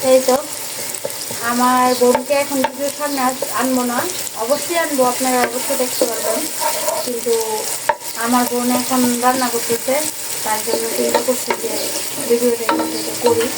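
Woman, high voice, casual kitchen vlog host talking to camera. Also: level tone, moderate pace, long pauses, very noisy. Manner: chatty, addresses viewers directly. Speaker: cooking vlogger. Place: home kitchen.

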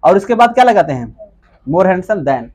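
High-voiced man teaching grammar. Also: very animated, a little mellow. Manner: asks rhetorical questions and answers them himself; repeats key words slowly for emphasis. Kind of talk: classroom lecture.

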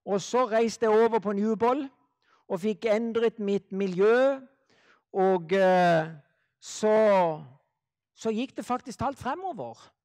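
A man preaching a sermon to a live audience. He speaks slowly and deliberately, repeats phrases for effect, and sometimes drops to a hush. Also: sits high.

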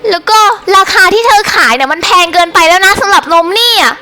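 A woman's voice: extremely high pitch, lively intonation, fast, pushed and bright, full character voice. A woman voicing a rude, complaining woman customer in a shop game, talking in a grumbling, petulant way.

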